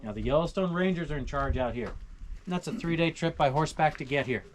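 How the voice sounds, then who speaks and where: A man giving a storytelling guided tour to a group outdoors, theatrical and folksy, with rhetorical questions and dramatic pauses. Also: fairly high pitch. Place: outdoors on a mountainside. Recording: noisy live outdoor recording with clicks.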